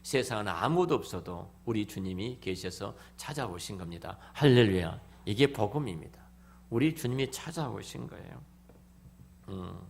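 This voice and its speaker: A man's voice: on the low side, animated, normal speed, gravelly, a little hiss or hum. Emphatic middle-aged male pastor preaching. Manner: emphatic, swings between loud exclamations and hushed near-whispers; repeats words and restarts mid-phrase. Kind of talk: sermon. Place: church sanctuary.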